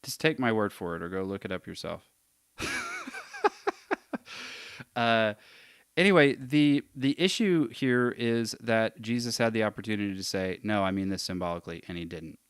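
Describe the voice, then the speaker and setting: A man's voice: on the low side, brisk, clean tone, dry recording, studio quality. A man hosting a live question session, casually thinking aloud and reading long passages aloud with emphasis. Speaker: host answering viewer questions.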